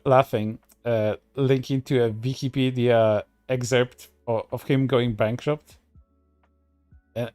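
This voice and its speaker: A man's voice: mid-range voice, darkish tone, clear, resonant tone, no room sound. A man commenting on online posts in a sarcastic, profane way, with many fillers and restarts. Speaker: streamer.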